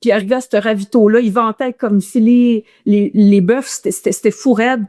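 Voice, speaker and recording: A woman with a Quebec French accent, a runner telling a guest's stories in a casual interview, animated and full of restarts. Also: fairly high pitch, brisk.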